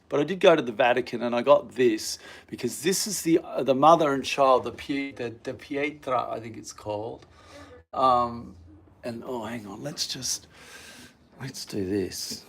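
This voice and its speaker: With a mid-range voice and some vocal fry, a male vlogger gives a casual home tour through his hallway and studio room. He rambles, hesitates and pokes fun at himself as he shows viewers around.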